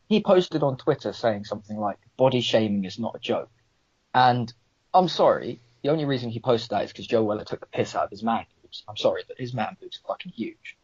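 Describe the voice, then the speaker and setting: A man's voice: on the low side, lively intonation, a little fast, darkish tone, breathy edge, no room sound. A young man with an Irish accent co-hosting a casual podcast, bantering and swearing freely. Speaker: podcast co-host. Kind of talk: casual chat. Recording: dull lo-fi dry sound.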